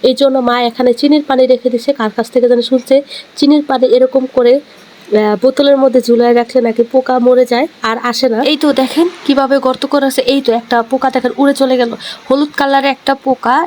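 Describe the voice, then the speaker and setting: A woman, hoarse from a cold, chatting to viewers in a casual vlog voice-over. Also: sits high, steady tone, quick pace, darkish tone. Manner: chatty, addresses viewers directly. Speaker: vlogger.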